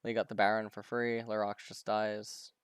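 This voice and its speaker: A man with a fairly low, smooth and resonant voice, talking casually through a live match on stream. He stumbles and repeats himself as he reacts and answers viewer questions. The sound is close and dry. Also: little pitch movement, dry recording. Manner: halting, repeats words, answers chat questions. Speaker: streamer commenting on a pro match.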